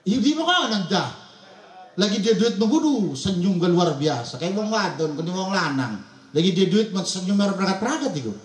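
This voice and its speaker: A man's voice: high voice, very animated, a little fast. A man with a Serang Javanese accent giving a comic sermon at a wedding gathering, laughing often and acting out villagers. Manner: jokey, laughing, acts out villagers. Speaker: preacher. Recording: echoey event sound system.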